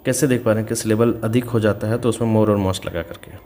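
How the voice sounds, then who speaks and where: A man's voice: lowish voice, fairly even intonation, fast talker, warm tone. A man teaching English grammar, patiently explaining each rule step by step and spelling words out letter by letter. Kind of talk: explaining grammar rules in Hindi.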